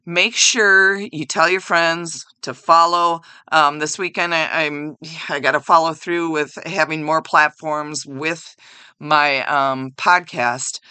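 A middle-aged woman hosts a self-help podcast with a blunt, chatty pep-talk manner and a bit of swearing. Her voice sits fairly low for a woman yet sounds bright and forceful. The recording is dry and close, with no room sound. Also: fairly even intonation, slow pace, clear, resonant tone, no echo. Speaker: podcast host.

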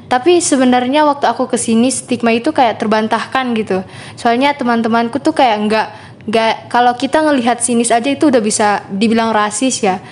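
A young woman, speaking slowly and hesitantly as an interview guest, laughing often. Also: fairly high pitch, darkish tone. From Papua. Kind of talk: casual interview chat.

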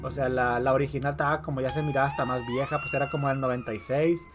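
A man's voice: medium pitch, steady tone, quick pace. A Mexican man hosting a podcast, chatting casually about music in a slangy, rambling way. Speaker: podcast host. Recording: music behind the voice.

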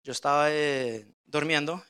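A man giving a personal testimony as a guest church speaker, talking in a halting way with many restarts and repeated words. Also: a little high, steady tone, sharp tone, smooth.

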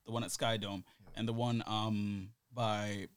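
A man's voice: lowish voice, little pitch movement, unhurried, a little hiss or hum. A man with a British urban street accent, talking casually on a podcast in a rambling, repetitive, slangy way. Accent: British urban street (MLE).

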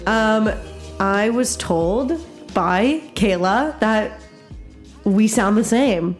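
A woman co-hosting a casual podcast, chatty and giggly, with a congested, slightly raspy voice from a stuffy nose. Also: extremely slow, soft background music. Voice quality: low, raspy. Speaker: podcast host, social worker. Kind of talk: casual chat.

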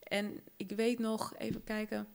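A young woman from Suriname, co-hosting a podcast and telling lively stories about her childhood, often laughing and acting out the voices of people she quotes. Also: mid-range voice, unhurried, creaky. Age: young adult. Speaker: podcast co-host. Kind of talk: casual chat.

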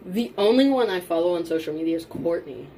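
A woman's voice: on the low side, quick pace, rough recording. Young woman chatting casually over background noise. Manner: informal, emphatic repetition, mild swearing. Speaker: podcast co-host. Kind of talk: casual chat. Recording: steady background noise and room ambience.

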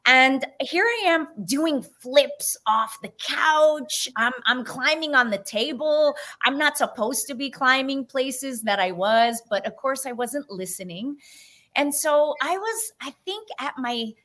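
A woman from San Francisco, a podcast guest who tells her life story in a lively way and acts out the voices of the people in it. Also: high voice, slow. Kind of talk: storytelling interview answer.

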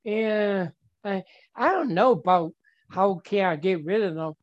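A man's voice: high-pitched, unhurried, dull audio. A man sharing at a twelve-step recovery meeting, stuttering and repeating words in simple, earnest phrasing.

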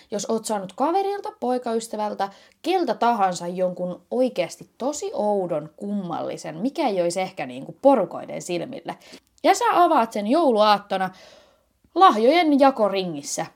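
A young woman co-hosting a casual chat podcast, loud and teasing, laughing a lot. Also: medium pitch, big pitch swings. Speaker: podcast co-host.

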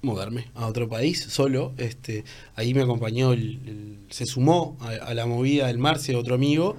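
A man in his thirties with a Uruguayan Spanish accent, a podcast guest telling travel stories in a relaxed way, with many fillers and restarts. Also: medium pitch, moderate pace. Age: 30s. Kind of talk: casual podcast chat.

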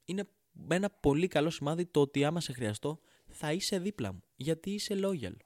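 A man's voice: a little high, animated, darkish tone, dry recording, clean studio sound. A man delivering a sarcastic, profane, exasperated comedic rant straight to the audience. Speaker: comedian ranting to camera.

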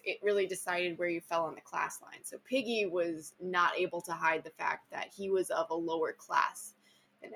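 Bright chatty woman hosting a show. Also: on the low side, a little hiss or hum. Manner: chatty, filler-heavy, enthusiastic. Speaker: podcast host. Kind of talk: casual book chat.

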